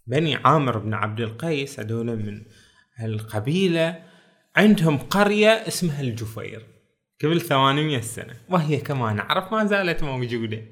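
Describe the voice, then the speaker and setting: A man with a Bahraini Arabic accent talking casually through a book, reading verses slowly and adding joking asides. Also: mid-range voice, lively intonation, a bit bright. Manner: chatty, quotes verses slowly, jokes aside. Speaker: book reviewer. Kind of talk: casual spoken book talk.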